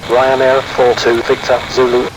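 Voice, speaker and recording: Flat male controller, engine noise. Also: mid-range voice, normal speed. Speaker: clearance delivery controller. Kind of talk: formal radio phraseology. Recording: loud aircraft engine noise.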